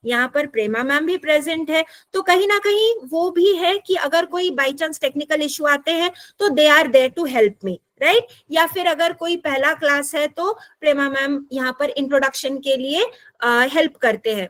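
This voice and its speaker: With a high-pitched, fairly bright voice and no echo, a woman teaches an online English class over a computer mic. She moves step by step through the lesson in a blend of Hindi and English, patiently checking on her students.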